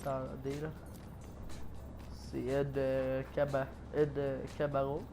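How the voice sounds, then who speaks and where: A gaming YouTuber with a Québécois French accent comments casually over a video game while sick with a cold and coughing. His medium-pitched voice is monotone, slow and fry-laden, with background noise, and he hesitates with many fillers and restarts.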